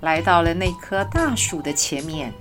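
A woman narrating a children's storybook in a gentle, expressive way. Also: on the low side, moderate pace, music in the background.

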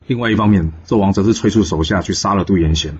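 A man narrating a traditional tale in a lively storytelling manner, switching voices for each character. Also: low voice, quick pace, breathy edge. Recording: dull lo-fi recording with faint background noise.

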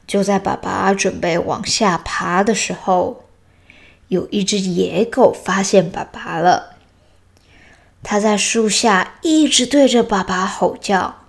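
A woman voicing a playful father bear who tells his cub a childhood story, in a slow, calm manner. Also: medium pitch, vocal fry.

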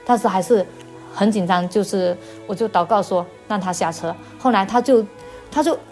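A woman giving a personal faith testimony as an interview guest. She speaks haltingly, repeating words and restarting often. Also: medium pitch, darkish tone, faint music behind.

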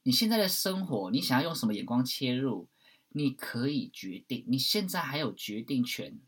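A man giving a blunt, preachy monologue, swearing at times and swinging between loud outbursts and hushed asides. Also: mid-range voice, very animated, moderate pace, husky. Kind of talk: impassioned monologue.

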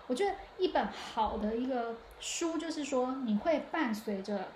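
A woman hosts a solo podcast in a relaxed, chatty monologue. Her voice sits a little on the high side, and she thinks aloud with frequent hesitations and restarts. The recording carries a noticeable room echo. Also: normal speed, slight background noise. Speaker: podcast host. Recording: echoey room.

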